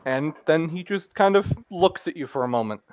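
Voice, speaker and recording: Brief: male game master, slow and rambling, lively high-ish voice; dull, dry lo-fi mic. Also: no echo. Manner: rambling, hesitant, full of fillers. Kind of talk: narrating a tabletop game.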